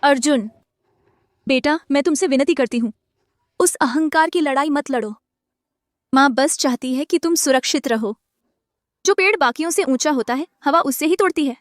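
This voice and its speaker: A woman's voice: sits high, moderate pace, long pauses, no echo, studio quality, close to an everyday voice. A woman playing a pleading anxious mother. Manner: pleading, gentle. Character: poor, anxious mother of the hero. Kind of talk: dubbed drama acting.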